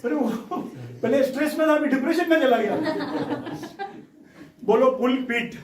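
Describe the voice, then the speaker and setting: A man's voice: very high voice, moderate pace, very noisy. A man preaching a sermon, calling on the congregation to repeat words after him. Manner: preaches in bursts, cueing the crowd to repeat words. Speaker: pastor. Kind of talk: sermon with call-and-response. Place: large hall, church. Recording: echoey hall, mic far, crowd.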